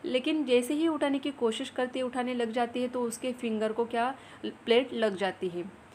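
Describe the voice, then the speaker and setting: A woman's voice: a little high, fairly even intonation, normal speed, a little mellow, slight background noise. A woman teacher with an Indian English accent explaining a story step by step and asking the class questions. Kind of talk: explaining an English lesson in Hindi.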